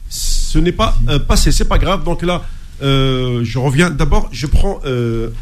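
A man hosting a live radio sports show from a studio, talking in a relaxed, halting way with many fillers. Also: fairly high pitch.

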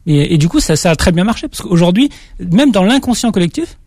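In this interview, a young male author from France, his Auvergne accent slight, replies haltingly and keeps starting over. He speaks high and very animated at a fairly quick clip, his tone a little mellow, on a dry studio-quality recording.

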